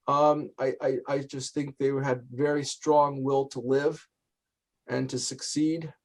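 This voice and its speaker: A man's voice: medium pitch, level tone, slow. A man speaking informally and reflectively on a video call, answering questions and recounting family history.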